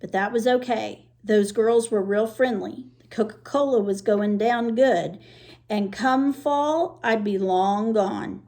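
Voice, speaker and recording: A woman reading a novel aloud, breaking off for relaxed, chatty asides. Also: medium pitch, slow pace. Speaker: reader and co-host.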